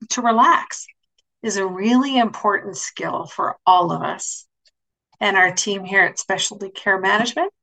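A woman's voice: medium pitch, bright, forceful tone, rough recording. A woman wellness instructor talking conversationally as she explains and introduces relaxation techniques. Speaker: wellness instructor and nurse coach.

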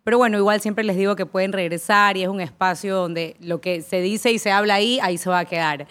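A woman in her thirties telling stories from her work at a spa in a relaxed, chatty way. She acts out the voices of the people in her stories with lively energy. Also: mid-range voice, a little fast. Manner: animated storyteller who acts out quoted voices. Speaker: aesthetician at a spa. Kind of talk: casual chat, telling anecdotes.

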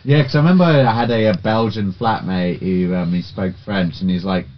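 A man with a deep, low voice chats easily as a podcast co-host, working through his thoughts out loud. The recording is dull and somewhat lo-fi. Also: a little fast. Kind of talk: casual chat about games.

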